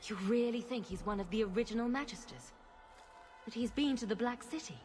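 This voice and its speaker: A young rogue heroine, played by a woman, plain-spoken and steady. Faint music sits under her lines, as in a fantasy video game. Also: fairly high pitch, a little fast, close to an everyday voice. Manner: plain, questioning.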